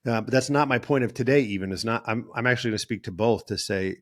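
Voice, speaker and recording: A man's voice: medium pitch, fast talker. A male therapist and podcast host talking in a casual, rambling monologue, often correcting himself mid-sentence. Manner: rambling, self-correcting, acts out quoted voices.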